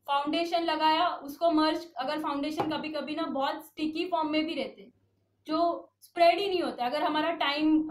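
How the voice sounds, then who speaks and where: A woman makeup instructor giving an online class, explaining each step and checking in with her students. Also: high voice. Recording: roomy echo, voice from a distance.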